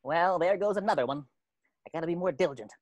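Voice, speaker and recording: A woman voicing SpongeBob as an excitable, naive young male sea sponge in a theatrical cartoon read. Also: fairly low pitch, quick pace, no echo. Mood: uneasy, muttering. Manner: theatrical, exclaiming, talking to self. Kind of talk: amateur table read of a cartoon script.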